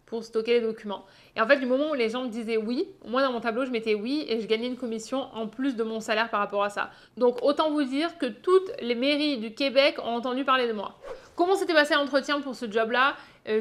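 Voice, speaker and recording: Young french woman vlogging, chatty, says euh a lot, voice a bit on the high side. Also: a bit bright. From France. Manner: chatty, frequent "euh" fillers. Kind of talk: casual storytelling to camera.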